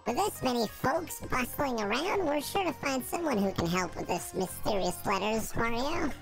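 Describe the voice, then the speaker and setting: A man's voice: moderate pace, gravelly, faint music behind, heavily acted. A man through a voice changer as bubbly origami girl Olivia. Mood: excited. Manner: bubbly, excitable, sing-song. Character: cheerful young origami girl companion. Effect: voice changer pitching the voice up. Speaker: let's play gamer reading a character's lines.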